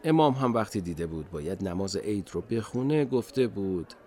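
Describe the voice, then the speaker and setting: A man narrating a children's radio storybook slowly and expressively. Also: fairly low pitch, lively intonation, a little mellow.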